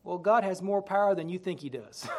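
A man with a notably high voice preaches like a pastor at the pulpit. He is emphatic and deliberate, repeating phrases as he teaches and reads old-fashioned scripture. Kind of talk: sermon with King James scripture reading.

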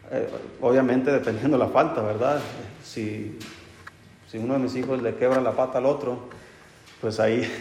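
Speaking at a middle pitch with a darkish tone, a male pastor addresses his congregation as brothers, asking rhetorical questions he answers himself and adding light humor. His sermon rings through a roomy hall with a long, trailing reverb, and there's a little hiss or hum.

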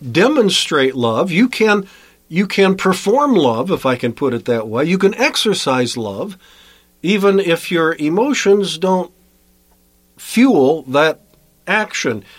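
A man preaching a sermon as a pastor, emphatic, with sharp rises in pitch on key words. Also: big pitch swings, takes it slowly, no echo.

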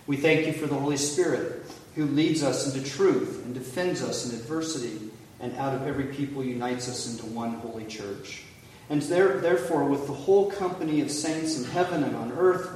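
A man's voice: mid-range voice, a little mellow. Male pastor, liturgical reading, cathedral echo with long reverb, distant mic, faint hiss. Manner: measured, solemn prayer recitation. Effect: heavy cathedral-like echo. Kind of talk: leading a communion liturgy. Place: large church sanctuary. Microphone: far from the mic. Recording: echoey hall from far off, faint hiss.

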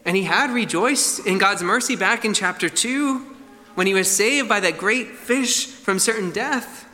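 Man, preacher, earnest and emphatic sermon, bright ringing tone, long hall reverb. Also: high voice, unhurried. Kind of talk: expository sermon.

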